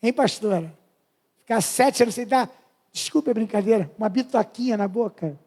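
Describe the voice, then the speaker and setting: High-voiced fervent preacher in his fifties. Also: darkish tone. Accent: Brazilian Portuguese. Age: 50s. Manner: fervent, pleading with the congregation. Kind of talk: sermon testimony.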